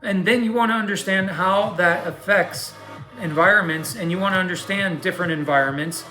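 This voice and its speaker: A man with a high, bright, forceful voice delivers an improvised spiritual card reading. He speaks like an emphatic preacher addressing followers, pressing points home and checking in with short tags. Faint music plays behind him. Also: fairly quick, low-quality recording. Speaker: online tarot card reader.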